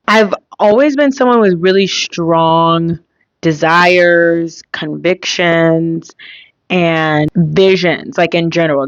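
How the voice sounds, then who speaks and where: A woman's voice: on the low side, no echo. Chatty young woman rambling, slightly muffled. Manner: chatty and rambling, with many fillers and trailing thoughts. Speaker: podcast host. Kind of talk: casual solo monologue.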